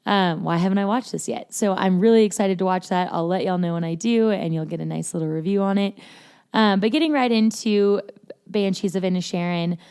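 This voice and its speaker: A woman's voice: mid-range voice, brisk, mellow, smooth. A woman hosting a casual movie review podcast, chatty and self-deprecating, with lots of fillers. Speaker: podcast host.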